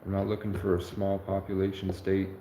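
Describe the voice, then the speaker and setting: Brisk and monotone, a low-pitched man in his twenties rambles through a livestream monologue, earnest and meandering, stopping often to correct himself. Echo and faint noise come from the room.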